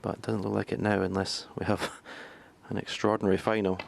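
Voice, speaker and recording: A man's voice: lowish voice, level tone, a little fast, creaky. A man giving conversational live commentary as a snooker co-commentator. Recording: crowd and arena noise behind. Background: snooker arena audience ambience.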